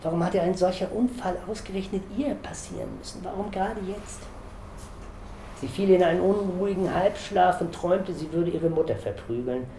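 A man reading a novel aloud in a steady, measured way, in an echoey room. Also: high-pitched, vocal fry, a little hiss or hum. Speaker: reader.

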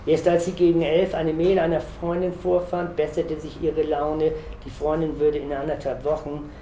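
A man reading a novel aloud in a steady, measured way, in an echoey room. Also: on the high side, a little hiss or hum. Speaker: reader.

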